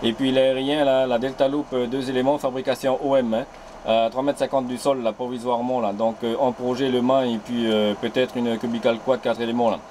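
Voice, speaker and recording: A man chats casually over amateur radio from his home station on an island, filming the exchange and speaking into an old handheld mic on a transceiver. His mid-range voice is flat and a little mellow, fairly quick, with slight background noise. Friendly throughout, he tags "là" onto almost every phrase.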